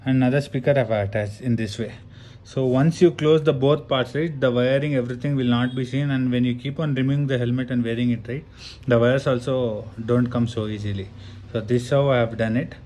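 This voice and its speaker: Here the Indian-accented tutorial presenter sounds mellow and brisk, his mid-range voice holding a steady tone. He explains a casual hands-on how-to step by step, regularly checking in with "right," over clear background noise and room ambience.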